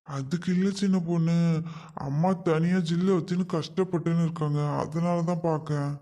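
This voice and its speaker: A man's voice: on the high side, fairly even intonation, normal speed, warm tone, lightly acted. A man voicing a henpecked young husband in a comedy cartoon, coaxing his wife and soothing his mother. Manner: mild, coaxing, exasperated.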